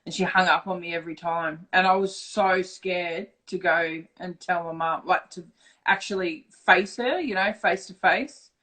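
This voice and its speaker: A middle-aged Australian woman talking openly in a relaxed interview. She is blunt and swears freely, and her delivery turns animated when she re-enacts conversations. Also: fairly low pitch, moderate pace, low-quality recording. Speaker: interview guest. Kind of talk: casual storytelling interview.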